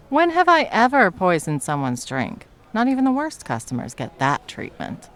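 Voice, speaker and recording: In a comedic ASMR roleplay, a woman plays a smug, nonchalant young villain working as a barista, dry and teasing in a casual, deadpan mood. Her voice is medium in pitch with huge swings, and she takes her time.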